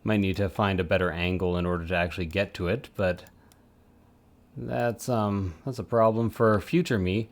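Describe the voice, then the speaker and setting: A man's voice: low-pitched, fairly even intonation, moderate pace. A man chatting casually on a live stream while he works, rambling with self-mocking asides. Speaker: streamer supporting 3D print models.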